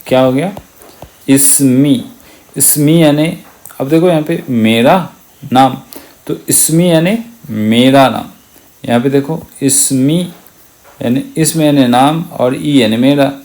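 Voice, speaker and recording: A man gives an online Arabic lesson at a very unhurried pace. His voice sits at an ordinary middle pitch. He patiently repeats every word and turns to ask the listener to echo it. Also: a little mellow. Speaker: Arabic teacher.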